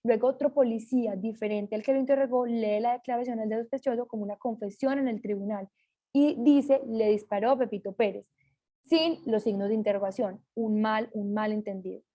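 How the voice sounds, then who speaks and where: A woman's voice: a little high, brisk, warm tone. A woman reading a class presentation aloud, with small slips and self-corrections as she goes.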